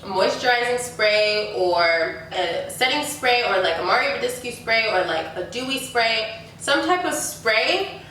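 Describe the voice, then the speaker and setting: Speaking unhurriedly with lively intonation, this young woman's fairly high voice sounds pushed and bright. She's a beauty YouTuber in her twenties, congested from a sinus infection, filling her casual Q&A with likes and ums, recorded on a distant mic in an echoey room with faint noise.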